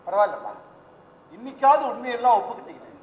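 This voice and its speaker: Soft-spoken fatherly priest, high voice, echoey hall, dull old tape. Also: expressive, fast, a little hiss or hum. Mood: gentle. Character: gentle kindly priest, male, calm. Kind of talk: 1970s stage play. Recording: roomy hall, dull lo-fi old stage recording.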